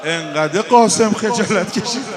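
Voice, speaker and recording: High-voiced man chanting a mourning lament. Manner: shifts between storytelling speech and slow wailing chant. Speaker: religious eulogist. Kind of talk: mourning lament, sung and spoken. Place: mourning gathering with crowd. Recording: crowd noise behind the voice.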